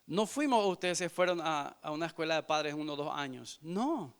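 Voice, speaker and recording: A man in his forties, a visiting missionary, giving an earnest sermon testimony in church, moving from hushed to loud. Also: fairly high pitch, animated, normal speed, clean tone. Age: 40s.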